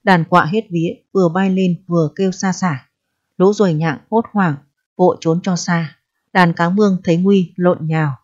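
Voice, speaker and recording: A woman calmly narrating a literary short story in a measured storytelling voice. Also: fairly low pitch, no echo. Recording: dry, dull lo-fi recording.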